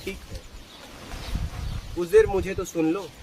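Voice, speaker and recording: A man with a high-pitched voice gives a spiritual discourse outdoors, mixing personal stories with teaching. He keeps turning to his listeners with quick rhetorical questions. Faint birdsong and animal sounds drift in behind him. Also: steady tone, warm tone, a little hiss or hum, rough recording. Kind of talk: satsang discourse with storytelling.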